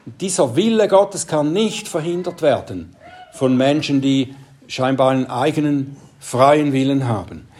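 Slow, deliberate male preacher. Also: mid-range voice. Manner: slow, deliberate, trails off into quiet asides. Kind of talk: Bible teaching sermon.

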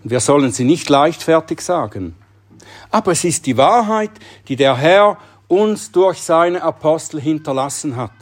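A man preaching a sermon in an earnest, emphatic way, often dropping to a hushed tone to stress a point. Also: on the high side, lively intonation, normal speed. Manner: earnest, emphatic delivery with dramatic drops to a hush.

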